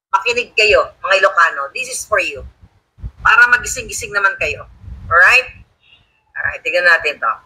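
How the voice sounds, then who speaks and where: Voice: medium pitch, sharp tone, breathy edge, poor audio. A livestream host giving scornful, combative political commentary and reading viewer comments aloud. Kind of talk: casual live commentary. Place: home studio.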